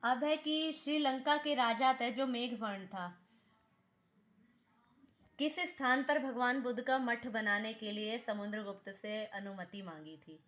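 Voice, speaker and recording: A woman's voice: fairly high pitch, a little slow, fairly bright tone. Woman teacher quizzing and answering herself. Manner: asks questions then answers them, repeats key names; frequent "theek hai" fillers and self-corrections. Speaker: history teacher. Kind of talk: exam-prep history lesson.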